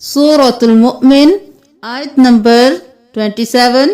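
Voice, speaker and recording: A woman teaching a tajweed reading lesson. She draws each recited word out slowly, then spells out the letters in quick plain explanations. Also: on the high side, darkish tone.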